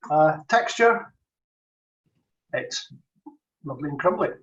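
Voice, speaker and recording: A man's voice: fairly high pitch, expressive, slow pace. A man judging cheese, thinking aloud and weighing his words in a casual tasting commentary. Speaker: cheese judge. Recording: distant, roomy, dull video-call audio.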